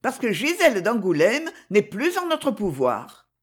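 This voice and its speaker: A coldly composed queen, put on by a narrator, grave and quietly menacing in an audiobook reading. Her lines are pitched above the reader's plain voice and move widely. A faint huskiness runs through them. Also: unhurried, husky, exaggerated voice. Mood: grave, calm. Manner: grave, calm, sinister. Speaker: character in a read novel.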